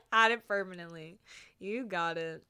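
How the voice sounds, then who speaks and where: A woman's voice: mid-range voice, big pitch swings, unhurried, pushed and bright, clear, resonant tone. A woman with a Canadian accent chatting casually on a music livestream, thanking viewers in a cute, gushing way. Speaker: music streamer.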